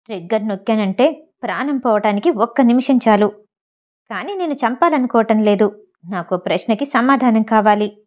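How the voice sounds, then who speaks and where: A woman's voice: fairly high pitch, normal speed, a little mellow, lightly acted. Woman reading as a stern, angry young boss. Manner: stern, threatening.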